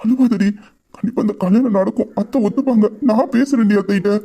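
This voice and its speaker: A man voicing a gentle young fiancé who softly reassures in an amateur audio drama. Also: sits high, brisk, husky. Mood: reassuring. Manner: soft, soothing, hushed.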